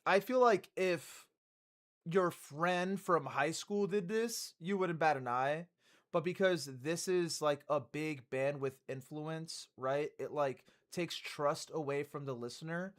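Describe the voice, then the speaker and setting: A man's voice: on the high side, slow pace. A man giving casual, rambling reaction commentary on music news as a streamer, swearing and laughing often.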